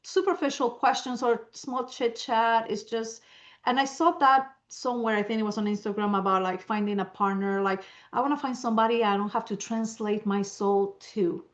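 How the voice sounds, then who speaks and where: A woman's voice: on the high side, fairly even intonation, moderate pace. A woman from Spain, interviewing in casual chat, rambling and enthusiastic. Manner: rambling, enthusiastic, restarts often. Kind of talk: casual conversation. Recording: slightly dull lo-fi sound.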